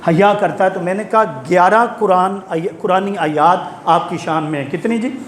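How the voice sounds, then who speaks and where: A man preaching a sermon with fervor, often rising to shouts and calling on the congregation to respond. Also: high voice, echoey room. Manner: fervent, rising to shouts, calls for congregation replies. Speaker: Islamic preacher. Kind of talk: impassioned sermon.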